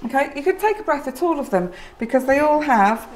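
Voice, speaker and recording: A woman's voice: high voice, sing-song, a little fast, darkish tone, a little hiss or hum. A woman with an English accent teaching a primary school class, encouraging and asking her pupils simple guiding questions. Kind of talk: classroom teaching to young children.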